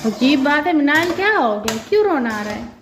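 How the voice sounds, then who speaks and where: Chatty high-voiced vlogging mother. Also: sing-song, fairly quick, background noise. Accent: Pakistani Urdu. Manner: chatty, rambling, many fillers. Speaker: family vlogger. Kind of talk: casual narration over household chores.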